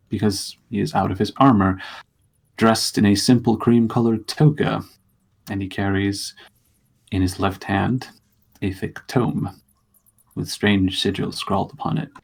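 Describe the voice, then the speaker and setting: A man with a low, husky voice works as game master of a tabletop role-play. He narrates very slowly and deliberately, leaving dramatic pauses between phrases. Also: darkish tone.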